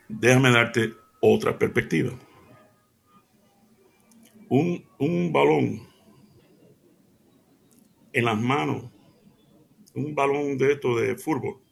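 Addressing his audience warmly as family, a middle-aged man hosting a devotional radio show recounts an anecdote in a lively way. The voice has a creaky quality, with pitch leaping upward whenever he emphasizes something.

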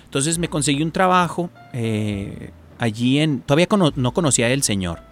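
A man's voice: mid-range voice, expressive, normal speed, faint music behind. A man with a Mexican accent, a talk-show guest giving a personal testimony, rambling with many fillers and restarts.

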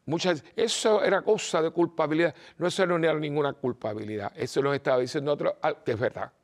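An older man from Cuba, a priest giving an earnest preaching talk, scolding gently and asking many rhetorical questions between hesitant fillers. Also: a little high, quick pace.

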